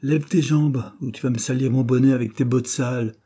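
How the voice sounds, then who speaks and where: A man voicing a shrill, ill-tempered working wife who scolds and shouts. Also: normal speed, husky. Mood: furious. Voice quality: piercing, shrill.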